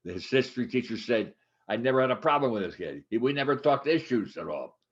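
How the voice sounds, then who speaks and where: A man's voice: mid-range voice, expressive. Rambling man in his eighties, lo-fi. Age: 80s. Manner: rambling, halting, many restarts and fillers. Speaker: podcast co-host. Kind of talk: casual chat. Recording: dull lo-fi sound.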